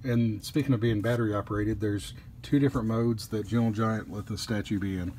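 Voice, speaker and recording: A man casually reviewing a collectible statue at a table indoors, easygoing, with frequent pauses. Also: fairly low pitch, fairly even intonation, a little mellow, a little hiss or hum.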